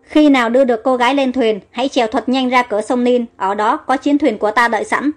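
A woman's voice: fairly high pitch, fairly even intonation, quick pace, faint music behind, lightly acted. A woman voicing a male general leading a kidnapping raid, giving clipped orders. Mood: urgent. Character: foreign male general, urgent and determined.

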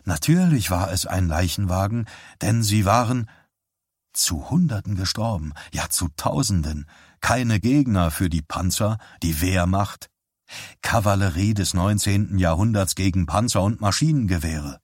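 A man reading an audiobook aloud in a grave, measured manner, close to the mic. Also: low-pitched, animated, husky, no echo. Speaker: audiobook reader. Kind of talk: dramatic audiobook narration.

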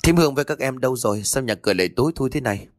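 A man voicing a nervous young male gambler who talks in an agitated, quick, pleading way. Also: mid-range voice, animated, dry recording, faint music behind, close to an everyday voice. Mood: worried.

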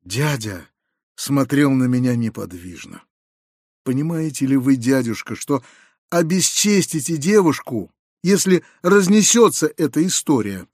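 A man narrating an audiobook in a measured literary reading, also speaking the first-person narrator's lines. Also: mid-range voice, expressive, a little mellow, no echo, clean studio sound. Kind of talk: scripted narration.

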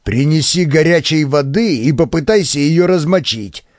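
A man voicing a gruff, bullying male policeman who interrogates a crowd. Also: a little high, no echo, studio quality, lightly acted. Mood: menacing. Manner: menacing, slow and commanding.

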